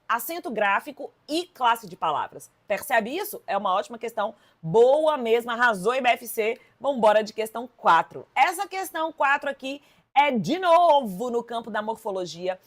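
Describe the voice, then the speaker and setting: A lively Brazilian woman leads an exam-prep grammar lesson. Her voice sits a little high, and she stresses key words as she speaks to her students. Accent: Brazilian Portuguese. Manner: lively, emphatic, addresses students directly. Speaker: Portuguese teacher.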